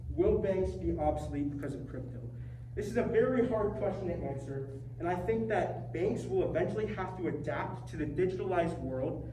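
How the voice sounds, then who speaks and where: A man's voice: fairly high pitch, mellow, reverberant, far from the mic, slight background noise, low-quality recording. A young man, a student, giving a prepared talk in an earnest way that stumbles in places. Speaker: student speaker. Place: event hall.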